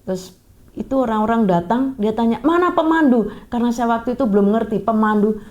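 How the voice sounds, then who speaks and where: Woman church worker telling her story, kinda high voice, lively, acts out her own prayers. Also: quick pace, highs cut off. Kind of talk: telling a personal testimony.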